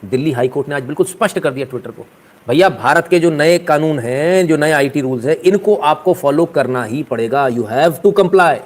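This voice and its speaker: A man's voice: a little high, moderate pace. A man hosting political commentary in a mocking, scornful rant. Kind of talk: sarcastic commentary.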